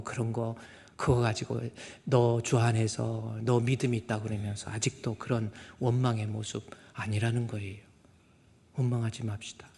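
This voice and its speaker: An older man preaching a sermon as a pastor, telling stories and acting out shouted quotes. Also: medium pitch, vocal fry. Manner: storytelling, acts out shouted quotes. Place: church sanctuary. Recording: church hall reverb.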